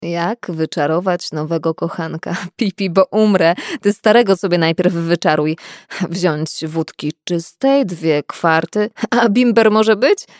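A woman reading a mocking young male doctor, a prankster who teases loudly and chuckles as he talks. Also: on the low side, measured pace, dry recording, studio quality, natural voice. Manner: teasing, loud, chuckling.

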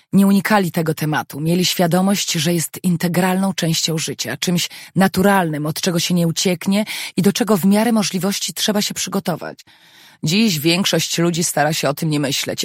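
An audiobook narrator reading a novel in a steady, measured way. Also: medium pitch, slightly rough, no echo, studio quality.

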